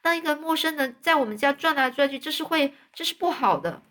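Voicing a talkative orphan girl in a storybook reading, a woman takes on a high, emotional, fairly bright tone at a brisk clip. The character is dramatic and chatty, begging and spilling out long strings of words.

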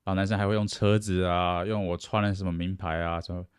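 A man's voice: low-pitched, fairly even intonation, fast, clean tone, no echo, studio quality. A man giving casual advice, chatty, acting out boastful people and laughing at himself. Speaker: self-help speaker.

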